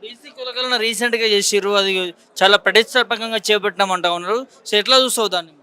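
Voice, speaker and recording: A man's voice: high-pitched, fairly even intonation, fast talker, bright, forceful tone, clear, resonant tone. A male reporter, asking brief, pointed questions in a street interview.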